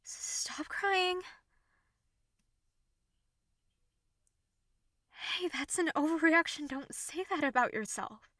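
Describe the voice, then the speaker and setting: A young woman playing a snappy tsundere tutor in an audio role-play, who goes from sharp scolding to halting, breathy, remorseful near-whispers. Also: sits high, animated, no echo, clean studio sound. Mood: alarmed, apologetic.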